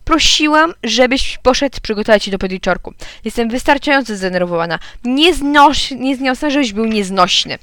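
Fed-up scolding mom, read by a woman, storybook, clear voice. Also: on the high side, animated, normal speed, hardly any pauses, a bit bright, no echo, studio quality. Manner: scolding, exasperated. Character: harried mother, short-tempered and scolding. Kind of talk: storybook reading.

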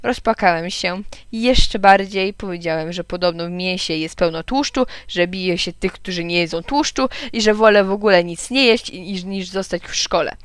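A woman reading a children's story aloud and voicing the quarrelling boys in a lively way. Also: on the low side, smooth, no echo. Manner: lively, quickens and raises her voice for the quarrelling boys. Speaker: audiobook reader. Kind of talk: storybook narration with character voices.

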